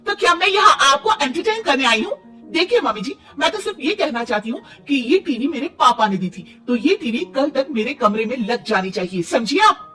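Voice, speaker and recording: A rude, spoiled young bride. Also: female voice, high voice, big pitch swings, moderate pace, sharp tone, heavily acted. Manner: rude, curt. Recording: distant mic, faint music.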